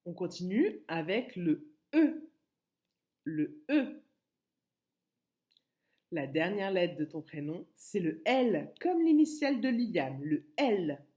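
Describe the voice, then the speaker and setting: A woman teacher speaking to young children, spelling out letters slowly and clearly with lively rises in her voice. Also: fairly low pitch. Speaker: preschool teacher.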